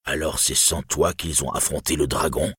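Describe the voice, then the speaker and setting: Casting: bitter weary lame man, low husky voice, read by a man. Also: fairly even intonation, moderate pace, a bit bright, no room sound, studio quality, exaggerated voice. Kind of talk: audiobook reading.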